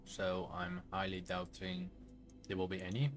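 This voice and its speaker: Slow, low-voiced Dutch man streaming. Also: soft background music. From Netherlands. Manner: relaxed, rambling, self-correcting. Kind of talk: casual game stream chat.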